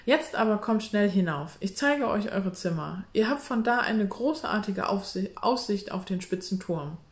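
A woman's voice: medium pitch, lively intonation, moderate pace, close to an everyday voice. Cheeky schoolboy, read by a woman, eager and bold, storybook, roomy sound. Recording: roomy echo.

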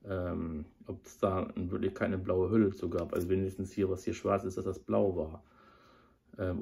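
Indoors in a small room beneath a sloped roof, an audio drama reviewer in his thirties speaks casually into a close-up device camera while nursing a cold. He rambles and uses lots of fillers, and his voice is on the low side, creaky and dark.

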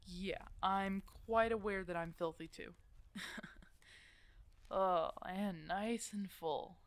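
In an ASMR roleplay audio drama addressed to the listener, a woman plays a protective werewolf mentor who is casual and bossy but affectionate, teasing and coaxing. Her medium-pitched voice moves slowly, with no room sound.

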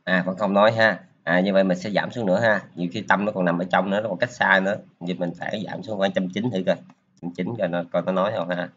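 A man talks through a screen-recorded coding lesson in a relaxed, chatty way, peppering his steps with filler particles. His voice sits very low. The sound is muffled and lo-fi, like a basic computer microphone. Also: fast talker, a little hiss or hum. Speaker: programming teacher.

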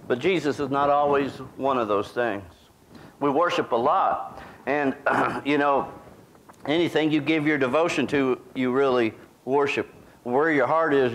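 A man's voice: mid-range voice, slight background noise. A middle-aged man, preaching a sermon in a small church in a folksy, conversational way. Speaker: pastor. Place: small church sanctuary, indoors.

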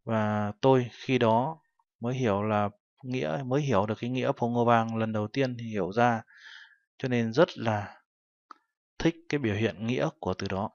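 A man's voice: mid-range voice, fairly quick, darkish tone, no echo. A male teacher patiently explaining a textbook lesson and translating each phrase step by step. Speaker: Korean language teacher. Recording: dull lo-fi recording.

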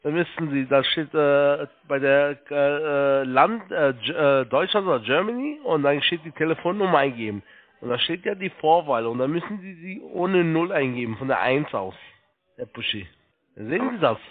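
Over a narrow phone line, a man working as a phone agent gives step-by-step instructions in a halting, repetitive way. His voice is a little high, with lively intonation.

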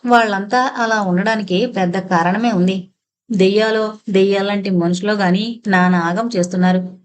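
A woman narrates a suspense thriller audio novel. Her reading is scripted and dramatic, with a voice of middle pitch. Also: steady tone, normal speed, clear, resonant tone.

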